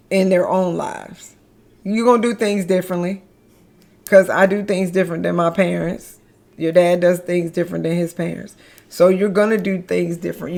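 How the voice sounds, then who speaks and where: A middle-aged mother and business founder appears as a guest in a casual conversational interview, playful and often laughing, repeating words for emphasis. Her voice is fairly low with vocal fry and a darkish tone.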